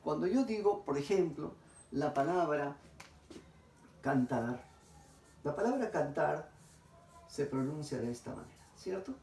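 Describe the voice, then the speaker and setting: Echoey teacher. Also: male voice, a little high, lively intonation, creaky, a little mellow, far from the mic. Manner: asks questions, pauses, then answers them himself with praise. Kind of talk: recorded classroom lesson. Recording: roomy echo, voice away from the mic.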